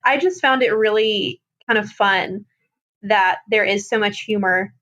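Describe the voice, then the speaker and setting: A woman's voice: medium pitch, unhurried, a bit bright. A woman guest on a podcast, chatting casually and reminiscing with amusement.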